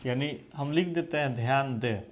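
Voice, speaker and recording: A man's voice: mid-range voice, moderate pace. A male English grammar teacher with a Hindi accent, giving a classroom-style lesson and repeatedly asking questions so students answer aloud.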